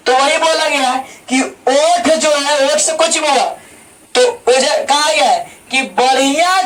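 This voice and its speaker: A man's voice: very high voice, fairly bright tone. A man teaching an online class, drilling each point with repeated rhetorical questions. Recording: distant mic with faint background noise.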